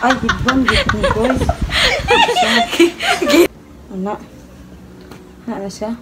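Her voice runs a little high with huge swings in pitch, and she speaks slowly. This young comedy vlogger does a teasing, chatty send-up of a live-selling stream, addressing viewers as "guys," over loud background noise.

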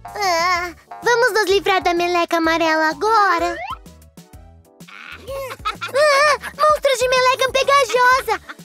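A woman's voice: extremely high pitch, slow pace, pauses often, bright, forceful tone, faint music behind, exaggerated voice. A woman voicing a caring, cheerful little fish nurse in a children's cartoon, encouraging young viewers with exclamations. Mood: urgent, eager.

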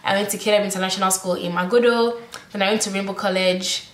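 Speaking quickly at a medium pitch, a Nigerian-accented woman in her twenties answers questions in a relaxed vlog shot in her bedroom, her sound roomy. The YouTuber is chatty and expressive, with "like" dotted throughout.

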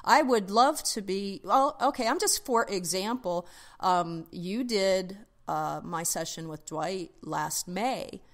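A woman's voice: medium pitch, takes it slowly. A female photographer co-hosting a podcast, chatting casually and telling a story.

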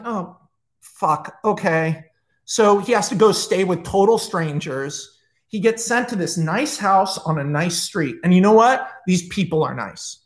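A man retelling a story in a casual, excitable way, swearing often and saying "like" a lot. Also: high-pitched. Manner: excitable, profane, full of "like". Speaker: host retelling a film pitch.

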